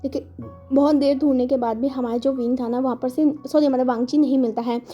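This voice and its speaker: A woman's voice: high-pitched, steady tone, fast, highs cut off, faint music behind. A woman casually retelling a fan story, chatty and full of fillers and self-corrections.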